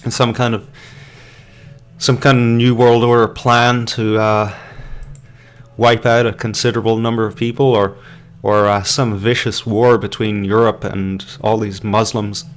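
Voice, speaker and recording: An Irish man hosts a casual live-stream podcast, rambling in slow, halting commentary packed with fillers, restarts and the odd swear word. His voice sits somewhat low, and he drinks beer between thoughts. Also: level tone. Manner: drinking beer while talking. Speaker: podcast host.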